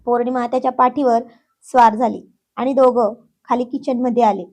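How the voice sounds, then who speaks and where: A woman narrating a family story in a lively storytelling manner. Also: fairly high pitch, fairly quick.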